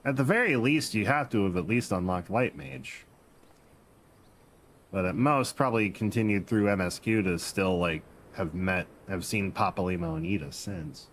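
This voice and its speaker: A man's voice: low-pitched, moderate pace, a little hiss or hum. A man streaming a game, chatting casually and correcting himself as he rambles. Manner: rambling, self-deprecating, corrects himself mid-sentence.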